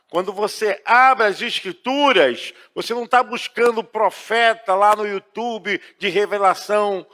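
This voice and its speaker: A Brazilian man preaching a sermon as pastor, stressing words slowly and emphatically in a church. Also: sits high, long reverb tail. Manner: starts hushed, then preaches with emphatic, drawn-out phrases. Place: church sanctuary.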